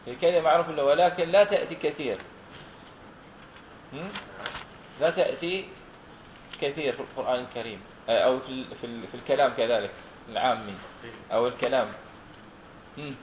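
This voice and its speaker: A man's voice: medium pitch, brisk, long pauses, a little hiss or hum. A man teaching a class on Quran recitation, asking his students questions and repeating their answers back patiently. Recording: roomy, dull lo-fi classroom recording.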